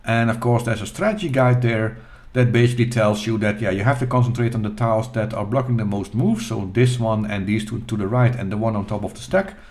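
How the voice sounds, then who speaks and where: Low-voiced middle-aged man, halting and self-deprecating. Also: darkish tone. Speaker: retro gaming channel host. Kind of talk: casual gameplay voice-over.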